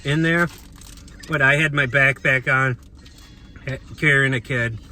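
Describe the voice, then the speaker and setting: A man's voice: mid-range voice, steady tone, unhurried, pushed and bright. A man chatting casually as a travel vlogger, rambling with many fillers and restarts. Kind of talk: casual vlog chat. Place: outdoors on town streets. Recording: outdoor street noise with passing cars.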